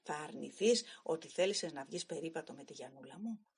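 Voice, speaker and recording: A woman's voice: sits low, lively intonation, darkish tone, slightly rough, heavily acted. A woman voicing a jealous, hot-tempered young male train stoker who speaks in a hostile, accusing way.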